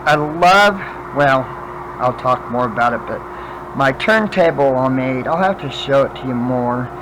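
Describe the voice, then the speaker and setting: A man with toothless, slurred speech, chatting casually and haltingly as he demonstrates a craft, thinking aloud while he works. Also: mid-range voice, lively intonation, noisy background. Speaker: craft vlogger demonstrating wood burning. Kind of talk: casual chat while working.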